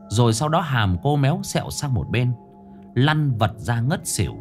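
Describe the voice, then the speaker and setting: A man narrating a scripted ghost story in a dramatic, expressive storytelling manner. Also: medium pitch.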